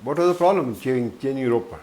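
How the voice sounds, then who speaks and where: An older man on an interview panel, asking probing questions in a halting, rambling way. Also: medium pitch, lively intonation, darkish tone, slight background noise.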